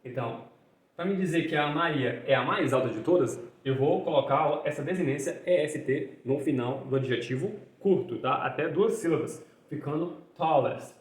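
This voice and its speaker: A man teaching English grammar, ending phrases with a questioning "tá?" and slowing down to spell out and repeat examples. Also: fairly high pitch. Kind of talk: explaining grammar in Portuguese. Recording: roomy echo.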